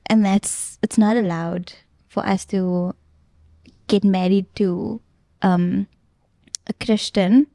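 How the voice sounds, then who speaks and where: A woman's voice: mid-range voice, fairly even intonation, takes it slowly, creaky, pauses often, warm tone, no echo, clean studio sound. A young woman guest earnestly retelling a personal story in casual chat, with plenty of filler ums. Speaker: podcast guest.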